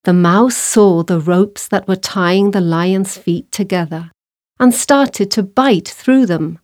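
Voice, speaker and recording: A woman reading a children's story aloud for a language exercise, clear and measured. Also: medium pitch, darkish tone, no room sound, studio quality. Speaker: narrator.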